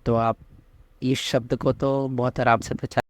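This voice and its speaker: A man's voice: medium pitch, flat delivery, normal speed. A man teaching a reading lesson step by step, patiently asking questions and answering them himself. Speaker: language teacher. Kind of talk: slow step-by-step script lesson.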